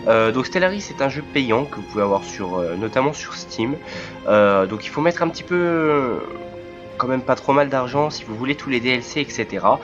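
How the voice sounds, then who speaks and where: A man with a cold hosting his first game let's play video, talking hesitantly with many filler pauses as he explains the game. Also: mid-range voice, lively intonation, dull audio. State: sick, voice cracking. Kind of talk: game commentary. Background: faint game music.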